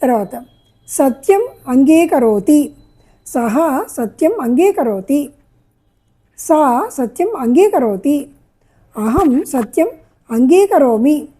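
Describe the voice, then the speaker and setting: A woman's voice: sits high, expressive, slow, long pauses, mellow. A woman teaching a spoken Sanskrit lesson, repeating each phrase and patiently explaining what it means.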